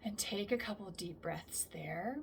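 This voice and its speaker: A woman leads a calm grounding exercise in a gentle, mid-pitched voice, her phrases softening as they end. She is recorded a little way from the microphone, with faint noise behind her. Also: unhurried, vocal fry. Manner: calm and gentle, trailing off softly at phrase ends. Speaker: somatic practice instructor. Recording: distant mic with faint background noise.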